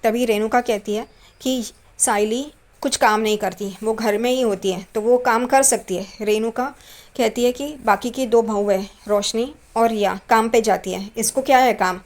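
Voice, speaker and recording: A woman's voice: a little high, fairly even intonation, normal speed. Woman retelling a TV serial episode. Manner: retells scenes step by step, tagging quotes with a trailing "karke". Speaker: serial recap narrator.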